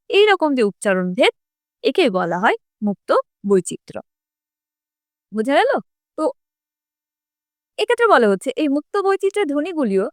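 A woman's voice: on the high side, no room sound, studio quality. A woman teacher explaining a grammar lesson step by step, often asking her students questions and then answering them herself.

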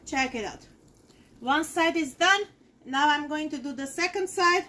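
A woman's voice: high-pitched, a little slow, sharp tone, a little hiss or hum. A middle-aged woman giving a casual cooking demonstration in her home kitchen, chatting to viewers as she works. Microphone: fixed camera in front of the counter.

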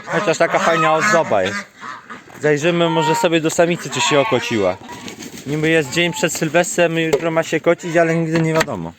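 A man's voice: fairly high pitch, brisk, noisy background. A man filming his farmyard outdoors while feeding the animals, chatting casually and scolding and coaxing them. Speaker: farm vlogger.

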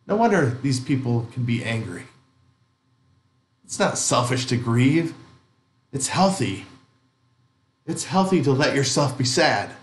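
A man's voice: medium pitch, echoey room. A male pastor giving a conversational sermon, asking the congregation questions and adding light humor. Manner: conversational, gently humorous preaching with rhetorical questions. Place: church sanctuary.

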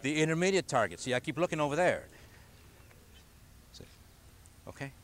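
A man's voice: on the high side, sing-song, moderate pace. An older man teaching a golf clinic outdoors, patiently asking the group questions as he explains. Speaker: golf instructor. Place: outdoors on a grassy driving range. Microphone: camcorder from a distance.

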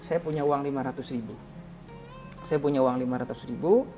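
A male preacher with a mid-range voice tells a deeply felt personal story in an interview. He sounds earnest and heartfelt and often sinks into hushed asides aimed at the host. Soft music runs faintly underneath. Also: fairly quick. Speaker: Islamic preacher and Quran school founder.

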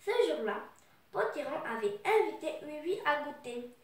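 Woman storyteller with a cold, halting, slow, high; distant mic, echoey room. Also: very animated. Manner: loose, halting retelling with fillers. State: has a cold. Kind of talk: retelling and reading a children's book.

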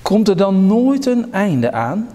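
A man's voice: high-pitched, very animated, slow pace, dark tone, long reverb tail, voice pushed up, full character voice. A man reading the part of a little girl in a children's story, eager and pleading.

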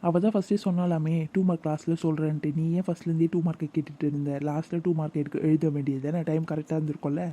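A woman's voice: sits low, quick pace, hardly any pauses. A woman voicing a level-headed teenage schoolboy in a cartoon who scolds his friend. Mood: scolding. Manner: calm, scolding. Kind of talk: cartoon voice acting.

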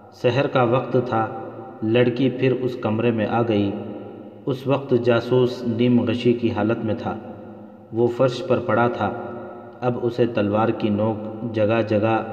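A man narrating a historical novel aloud in a steady storytelling manner, in a dull, roomy recording. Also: medium pitch.

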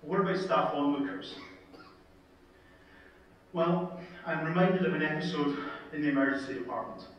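A Scottish man, an emergency department consultant, telling a story in a talk with wry humour and punchy, dramatic pauses, played from a video into a conference hall. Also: a little high, fairly even intonation, far from the mic, lo-fi sound. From Scotland. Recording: video played into an echoey hall, heard from afar.

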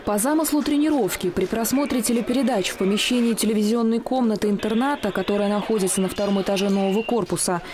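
A woman's voice: mid-range voice, quick pace, few pauses. A woman reading a scripted TV news report.

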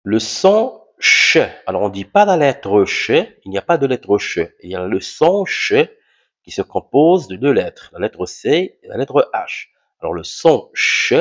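A man teaching a reading lesson, slowly sounding out letters and syllables and repeating each word three times. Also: lowish voice. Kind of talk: slow classroom reading drill. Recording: dull lo-fi recording.

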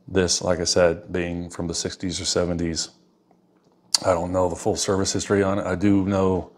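A man giving a casual, rambling watch review at his desk, often calling the listener "man". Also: deep voice. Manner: laid-back, says "man" often, rambling asides. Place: indoors at a desk, off camera. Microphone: wireless clip-on mic.

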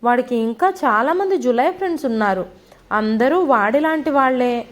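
A tearful, frightened teenage schoolgirl, as a woman reads her part, pours out her fears to her mother in pleading, sob-choked complaints. The voice sits high. It belongs to a storybook reading. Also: expressive, moderate pace.

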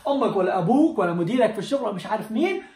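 A man teaching an English lesson in a classroom, quizzing his students in a lively way. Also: high voice, racing. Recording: roomy, distant mic.

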